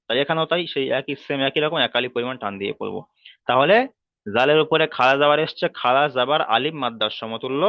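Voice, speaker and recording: A man teaching an online class at a steady middle pitch. He explains with patience, repeats each rule, and drills letter sounds slowly. The audio is dry and a little dull, the lo-fi sound of an online call. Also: dry recording. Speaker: Quran reading teacher.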